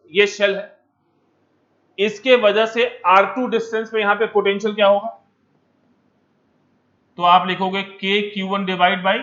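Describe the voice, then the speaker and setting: Teacher, male, high voice, coaxing and energetic, dull lo-fi sound, empty classroom. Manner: coaxing, keeps asking students to answer; mixes English terms into Hindi. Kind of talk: energetic physics lecture.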